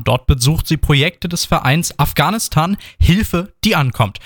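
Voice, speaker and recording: Radio guy hosting, kinda high voice, upbeat, super dry studio mic. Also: no echo. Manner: upbeat, polished presenter delivery. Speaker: radio host. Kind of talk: radio moderation and interview.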